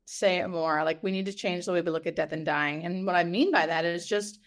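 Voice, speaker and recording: Woman hospice nurse on a podcast, slightly low voice, earnest, repeats stuff to make the point. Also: fairly quick. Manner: earnest, emphatic, repeats key phrases for weight. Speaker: hospice nurse interviewed as guest. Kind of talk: conversational podcast interview.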